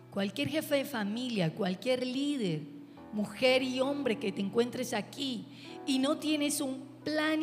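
A woman preaching a sermon, emphatic, repeating words for stress. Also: on the high side. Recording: music and long church reverb.

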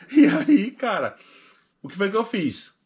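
A young man with a Pernambuco accent, a podcast guest in casual chat, telling his story with animated retellings of past conversations. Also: high-pitched, slow pace, muffled recording. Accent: Pernambuco Portuguese. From Recife, northeast Brazil. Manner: animated, acts out past conversations in quoted voices.

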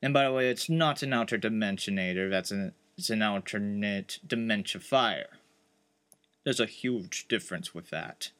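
A man voicing an eccentric male time-travel scientist who patiently lays out rules in a calm, explaining manner. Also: fairly low pitch, normal speed, voice pushed down, natural voice. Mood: calm, lecturing. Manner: calm, explanatory, earnest rule-giving.

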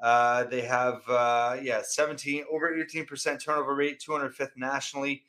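A man hosting a sports preview, talking off the cuff through stats in a halting way. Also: mid-range voice, flat delivery, bright, forceful tone. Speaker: sports podcast host.

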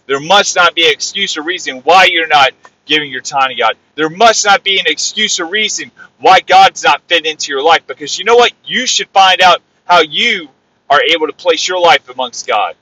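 Bright-voiced male podcast preacher. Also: a little high, normal speed, rough recording. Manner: preachy, repetitive, builds to loud exclamations. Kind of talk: informal sermon.

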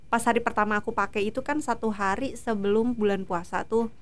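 A woman in her thirties, a guest in a casual interview, telling stories in a lively way and acting out what others said. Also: fairly high pitch, brisk. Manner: lively storytelling, acting out quoted voices.

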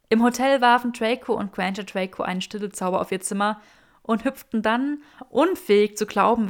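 A woman narrating a story as an audiobook in a steady, expressive reading. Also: medium pitch.

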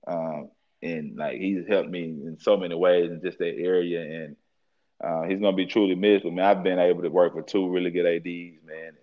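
A young man who coaches football talks through the interview in a very deep, easygoing voice and keeps circling back to the same stock phrases. The sound is a little dull, like a lo-fi recording. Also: normal speed. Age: young adult. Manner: relaxed, repeats fillers like "at the end of the day". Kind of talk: casual interview.

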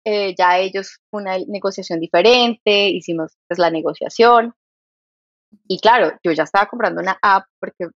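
A Colombian woman with a mixed Santander and Bogotá accent, a guest telling a lively story and quoting herself as she goes. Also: mid-range voice, no echo, highs cut off. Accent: Colombian, mix of Santander and Bogotá. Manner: animated, quotes herself, laughs often. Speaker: podcast guest, company founder. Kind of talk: casual interview storytelling.

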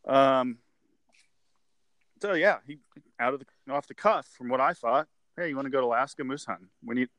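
A man's voice: mid-range voice, moderate pace, long pauses, a bit bright, no echo. A man of forty talks through a story on a casual interview show, looping back and repeating words as he goes, laughing now and then. His voice sits in a middle range and the sound is close and dry, with no room around it. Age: 40s. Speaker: guest.

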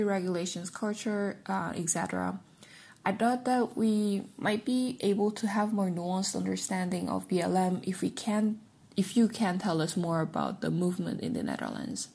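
Young woman, podcast host, husky and measured, reads from script. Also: medium pitch, expressive, darkish tone. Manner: measured, reads prepared lines. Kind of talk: scripted introduction and interview questions.

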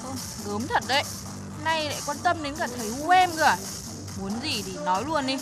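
Casting note: brash, slangy young woman, high voice, music bed. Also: animated, a little fast. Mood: impatient. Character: brash young city party girl. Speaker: actor in a TV skit. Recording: loud music bed under the skit.

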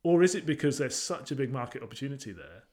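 Male co-host, mid-pitched, casual and musing, full of fillers and restarts. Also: very animated, fast, darkish tone. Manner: thoughtful, questioning, many fillers and restarts. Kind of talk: casual chat.

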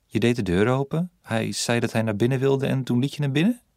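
A man's voice: medium pitch, fairly quick, darkish tone, dry recording, studio quality, pitched above the performer's own voice, close to an everyday voice. A man voicing an anxious, bewildered husband who asks urgent questions in a spoken story.

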